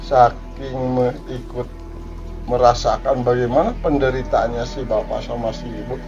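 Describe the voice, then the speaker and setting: A man's voice: mid-range voice, fairly even intonation, darkish tone. A man narrating a story in a casual, emotive way, often repeating phrases. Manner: repetitive, emotive, drawn-out phrases. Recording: dull lo-fi recording with faint music.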